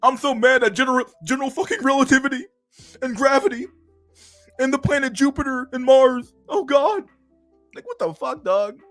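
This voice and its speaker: Man, 30s, high voice, dry sound with faint music behind; crude, mocking stream commentator. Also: normal speed, fairly bright tone, no echo. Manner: mocking, crude, laughs often, reads an article aloud then rants. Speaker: streamer reacting to an article. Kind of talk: casual livestream commentary.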